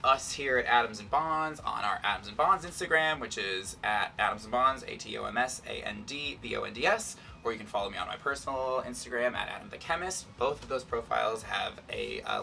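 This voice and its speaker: Bright, creaky American man explaining casually. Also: mid-range voice, a little fast, hardly any pauses, far from the mic, slight background noise. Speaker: host, chemist presenter. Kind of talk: casual science demonstration.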